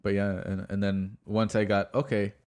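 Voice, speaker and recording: A man's voice: fairly low pitch, flat delivery, moderate pace, darkish tone, clear, resonant tone. A man hosting a casual podcast chat, rambling with many restarts. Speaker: podcast host.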